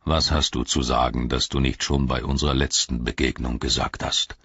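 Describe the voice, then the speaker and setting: A man voicing an old male wizard who answers in a calm, low, measured way. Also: breathy edge, no room sound, lo-fi sound, exaggerated voice.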